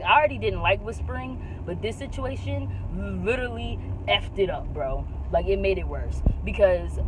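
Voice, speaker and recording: A young woman vlogging in a casual chat, animated and slangy, leaning hard on "bro" and "like.". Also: mid-range voice, noisy background.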